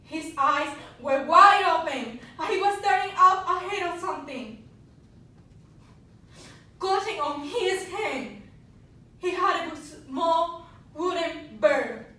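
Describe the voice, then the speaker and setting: A woman acting a stage monologue as a grieving young woman who confronts her mother, speaking slowly and quietly. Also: very high voice, exaggerated voice. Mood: grieving, haunted. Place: acting class room. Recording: roomy distant room mic.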